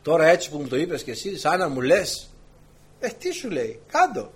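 A man preaching a sermon to his congregation, telling a lively personal story as he goes. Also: husky. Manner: animated storytelling, voice climbing high when excited. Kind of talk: sermon with anecdote.

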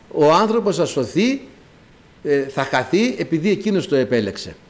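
A man preaching a sermon to his congregation, calling them brothers and acting out the voices in his stories with dramatic swings. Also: a little mellow. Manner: dramatic, acts out quoted voices with big pitch swings.

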